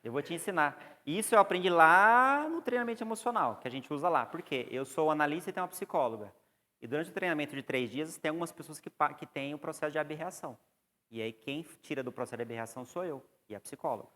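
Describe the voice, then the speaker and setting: A man's voice: fairly high pitch, lively intonation, fast talker, sharp tone. A man with a Brazilian Portuguese accent giving a classroom lecture on psychoanalysis, explaining and putting questions to the class. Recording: long hall reverb.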